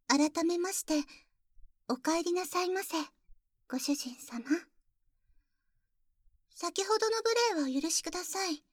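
High, dry-voiced young maid, formal then sly, whispering at the ear, played by a woman. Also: dry recording. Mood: polite. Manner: soft ear-close whispering; very formal, deferential speech with teasing jabs. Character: polite, jealous young maid who calls herself boku. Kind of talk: ASMR roleplay audio drama.

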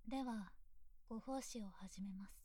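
A woman playing a soft-whispering polite young maid. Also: mid-range voice, moderate pace, slightly rough, no echo, natural voice. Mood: courteous. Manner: formal, very polite and calm. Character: polite, composed young maid attending a master. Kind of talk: whispered ASMR roleplay.

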